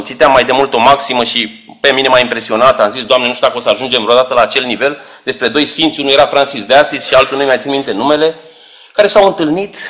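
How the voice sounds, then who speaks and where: A man's voice: on the high side, fairly bright tone. Man preaching a reflective sermon. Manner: reflective, rhetorical questions, dynamic emphasis.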